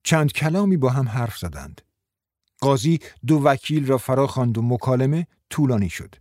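A man reading a novel aloud in a measured, even way. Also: medium pitch, dry recording, clean studio sound. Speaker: narrator. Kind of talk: audiobook narration.

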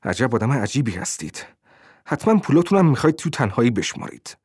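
A man's voice: mid-range voice, lively intonation, darkish tone, no room sound, studio quality, lightly acted. A man voicing a suspicious old landlady who needles and pries in a falsely sweet way, in a storybook reading. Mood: mocking.

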